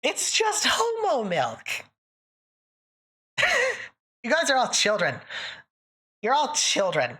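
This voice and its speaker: A northern Canadian woman hosting a livestream answers viewers in casual chat, joking and laughing often, with a thick accent that sounds put-on. Her fairly high, husky voice has huge pitch swings and a fairly bright tone, and she takes it slowly with long pauses.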